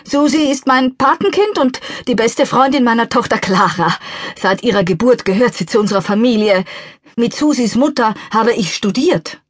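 A woman's voice: on the high side, expressive, moderate pace, dry recording, studio quality, pitched above the performer's own voice. A woman voicing a furious, scornful middle-aged society wife in an audiobook. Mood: haughty. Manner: shrieking, scornful. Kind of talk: audiobook character voice.

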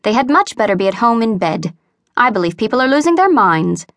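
A woman narrator voicing a disagreeable, sharp-tongued old spinster, curt and scornful. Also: on the high side, very animated, brisk, no room sound, studio quality.

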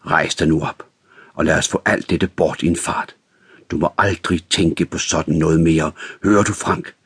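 A man voicing a brisk, firm young woman in an audiobook, speaking soothingly but decisively. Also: a bass voice, steady tone, fairly bright tone, slightly rough, no echo, heavily acted. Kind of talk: audiobook reading.

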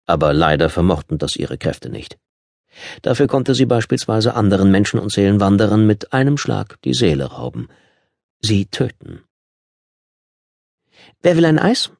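A man narrating an audiobook in a calm, measured way, recorded in a studio. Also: fairly low pitch, creaky, dry recording. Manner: ruhig, gemessen erzählend. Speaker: Hörbuchsprecher. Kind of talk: scripted narration. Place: Tonstudio.

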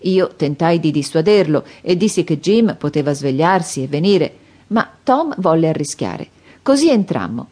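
Woman reading an audiobook, calm steady storytelling, lowish voice. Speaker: audiobook narrator. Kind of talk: scripted audiobook narration.

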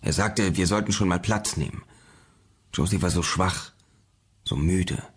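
A man's voice: sits low, a little slow, husky. A man voicing a panicked father insisting on what happened to his missing daughter, in an audiobook thriller. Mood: frantic. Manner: frantic, breathless insistence.

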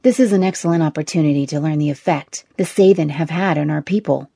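A woman narrator voicing a young nobleman who speaks in a calm, commanding and slightly amused way, pitched a little lower than her narration. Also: quick pace, gravelly, slightly rough, no room sound, studio quality.

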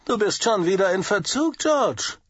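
A man's voice: a little high, sing-song, measured pace, a bit bright, breathy edge, dry recording, muffled recording, voice pushed up, exaggerated voice. A man doing a hissing, menacing young gang boss. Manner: hissing, taunting. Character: menacing young male gang leader, cruel.

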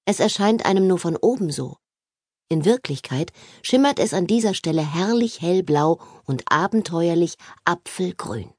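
A woman narrating a children's audiobook in a lively, expressive storytelling manner. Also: on the low side, moderate pace, husky, no echo, studio quality.

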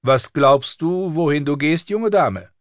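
Strict scolding governess, voiced by a man, raised high, drawn-out and commanding, dry close sound. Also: lively intonation, no room sound. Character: stern strict older woman governess.

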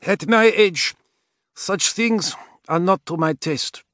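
A man voicing a spiteful, scheming old woman, speaking slowly in a cold, dry, sibilant tone with sweet venom. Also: high voice, a bit bright, no echo, voice pushed up. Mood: mocking. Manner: slow, mocking, sweetly venomous. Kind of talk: audiobook character voice.

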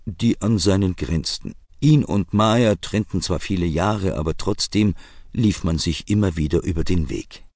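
Male audiobook narrator, steady measured reading, husky voice, dry close sound. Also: low-pitched, dry recording.

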